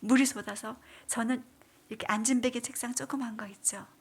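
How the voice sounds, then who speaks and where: 높은 목소리로 속삭이다 외치는 여성 간증자. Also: female voice, fairly high pitch, fairly even intonation, a little fast, breathy edge. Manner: dramatic, drops to whispers then rises into pleading cries. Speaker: deaconess giving testimony. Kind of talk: emotional church testimony.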